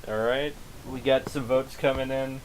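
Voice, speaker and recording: Young male podcast host, casual and relaxed, average pitch. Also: normal speed, slight background noise, rough recording. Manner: relaxed, wraps things up with repeated "all right". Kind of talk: casual chat.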